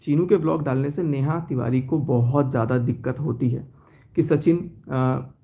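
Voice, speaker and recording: A man's voice: mid-range voice, normal speed, creaky, warm tone, breathy edge. A man on a phone live stream, explaining at length and reading out chat messages, with restarts. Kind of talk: casual live-stream account, reading out chats.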